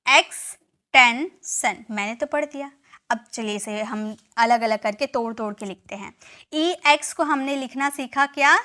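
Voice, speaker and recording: A woman with a high, bright voice teaches English spelling. She spells each word out letter by letter and repeats it, speaking directly to her viewers. Her tone is clear and sharp, and she keeps checking that they have followed. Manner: spells words letter by letter and repeats them, with frequent check-ins. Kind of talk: classroom-style spelling lesson.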